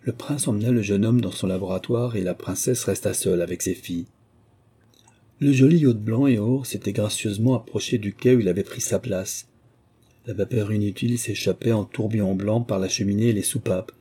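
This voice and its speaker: A man with a low, husky voice reads a classic novel as an audiobook. His tone is dark and mellow, and his delivery is measured and even. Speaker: audiobook reader. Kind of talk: audiobook narration.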